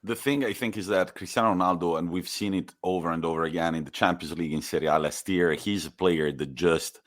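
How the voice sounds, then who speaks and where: A man's voice: low voice, fairly even intonation, brisk, no echo, clean studio sound. A man co-hosting a casual football podcast, chatty and asking his partner questions. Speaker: podcast co-host.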